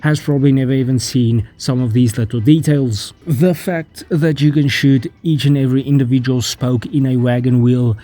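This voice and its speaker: A man giving sarcastic, deadpan commentary on video games, casual and sometimes profane. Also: medium pitch, normal speed, few pauses. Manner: deadpan mock-dramatic delivery. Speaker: gaming YouTuber.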